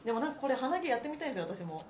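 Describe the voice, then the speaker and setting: A woman host talks fast in a fairly high, lively voice. She chats casually and reads listener mail, with a roomy echo around her. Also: a crowd in the background. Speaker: talk show host.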